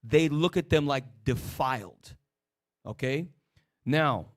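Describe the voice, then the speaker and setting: A man with a medium-pitched voice speaks slowly as he leads a religious teaching session. He fires off rhetorical questions and gives short commands to an assistant.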